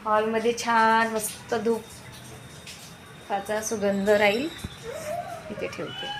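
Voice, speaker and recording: A woman in her thirties talks through her day at home in a casual family vlog, her voice sitting a little high. She chats to viewers and coaxes a small child along in raised tones, recorded on a phone with a faint hiss behind her. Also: wildly swooping pitch, slow. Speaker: family vlogger.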